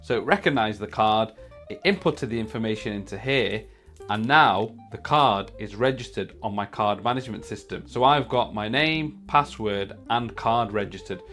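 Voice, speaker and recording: Step by step, a product reviewer walks through features in a relaxed, explanatory demo. His voice is on the low side and a bit bright, moving at a moderate pace, with music underneath.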